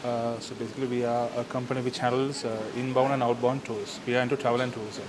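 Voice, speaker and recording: A man's voice: mid-range voice, little pitch movement, quick pace. A man from Sri Lanka with a Sri Lankan English accent, speaking earnestly with fillers as an award winner. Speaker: award winner, tour company owner. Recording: noisy event.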